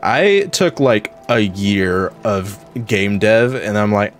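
A man with a fairly low voice chats casually over his gameplay from home. He rambles, trailing off into "like" and "um" as he talks. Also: expressive, slow, faint music behind. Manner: chatty and rambling, many fillers like "like" and "um". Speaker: game streamer.

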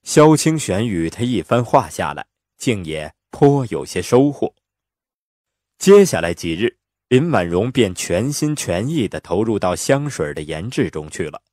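A man narrating an audiobook in an expressive, lively storytelling manner on a close mic. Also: on the low side, measured pace, no echo.

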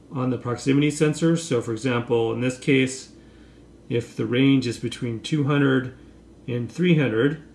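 A man explains things step by step as an informal tutorial presenter. His voice has a noticeable creak at a medium pitch. The recording is roomy, with faint noise behind him. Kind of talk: casual hands-on product demonstration. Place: indoor room, at a table.

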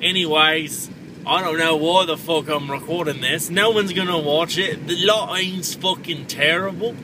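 A man's voice: on the high side, normal speed. A man driving and ranting in a put-on Cockney impression, crude and mock-flirtatious, recorded on a camera in a moving car. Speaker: vlogger. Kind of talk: crude comedic rant. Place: inside a car while driving. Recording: road noise from a moving car.

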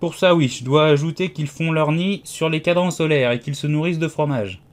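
Audiobook figure: a haughty, lecturing egg man, read by a man, slightly high voice. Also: a little fast, close to an everyday voice. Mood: smug. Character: pompous, condescending giant egg man. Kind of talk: audiobook character reading.

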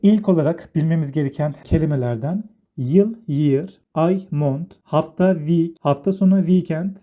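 A man explaining a beginner English lesson, going slowly and step by step and repeating each word in two languages. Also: on the high side. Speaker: English teacher. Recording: tinny phone-like sound.

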